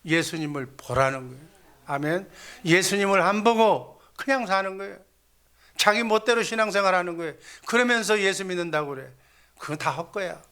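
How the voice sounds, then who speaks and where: A pastor preaching with a forceful, bright tone that sits a little high for a man. He exhorts his flock, repeatedly blesses them in the Lord's name, and poses questions he answers himself. He leads them in call-and-response. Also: brisk, clean tone. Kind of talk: sermon.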